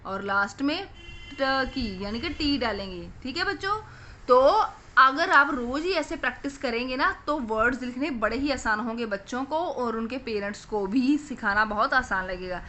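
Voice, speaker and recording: A young woman with a Punjabi accent teaching children phonics, asking questions and repeating each answer slowly. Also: high-pitched, bright, forceful tone, a little hiss or hum.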